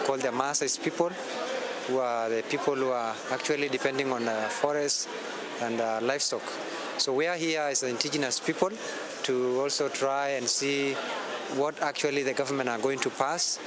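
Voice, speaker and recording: A man's voice: medium pitch, steady tone. Kenyan man delegate amid crowd. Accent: Kenyan English. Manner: earnest, halting with fillers. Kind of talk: street interview answer. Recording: outdoor crowd noise.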